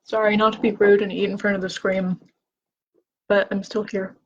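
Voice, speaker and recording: A woman hosting a casual livestream, reading philosophy aloud and chatting in a slow, self-deprecating way, a little tipsy. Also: mid-range voice, level tone, a little hiss or hum. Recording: dull lo-fi stream audio.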